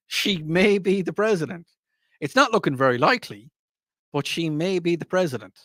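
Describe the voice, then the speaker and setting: Hosting talk radio, this Irish man rambles through a casual monologue, repeating himself with a mocking edge and frequent laughter. He speaks at a normal speed in a high-pitched, fairly bright voice. The recording is dry and studio-clean.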